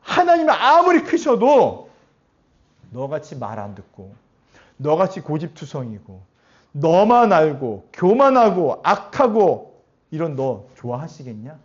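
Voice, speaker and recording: A man's voice: a little high, huge pitch swings, unhurried. A man putting on the voice of a sneering male devil who taunts and accuses, on a dull lo-fi recording. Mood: taunting. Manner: mocking, scornful.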